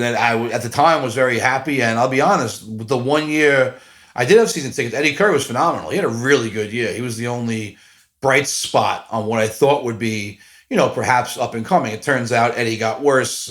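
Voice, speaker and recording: Talking alone on a casual podcast, this host is a man in his forties with a mid-range voice and a fairly bright tone. His monologue rambles, pokes fun at himself, and is full of fillers and restarts.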